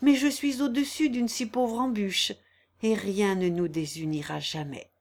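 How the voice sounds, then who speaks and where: A woman reading the part of a proud, gentle, resolute young woman in an audiobook, earnest and persuasive. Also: mid-range voice, unhurried.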